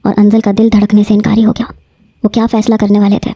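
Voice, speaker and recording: A woman narrating a romance novel in a steady, measured reading voice. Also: mid-range voice, slightly rough, dry recording, studio quality.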